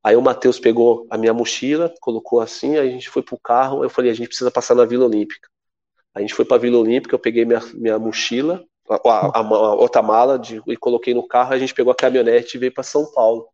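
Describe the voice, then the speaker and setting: A Brazilian man in his forties, a guest telling a story in a casual, lively way and acting out what people said. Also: quick pace, muffled recording. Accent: Brazilian Portuguese. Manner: lively, acts out quoted voices with big pitch jumps. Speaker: podcast guest, former athlete.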